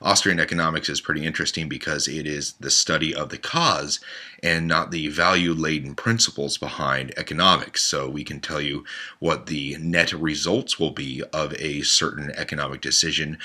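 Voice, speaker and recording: A man's voice: a bass voice, fairly even intonation, moderate pace, pushed and bright. A man in his late twenties with a cold, giving a casual, rambling, self-mocking introduction of himself. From western United States. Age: 20s. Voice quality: slightly congested, husky. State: has a cold. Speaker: show member introducing himself.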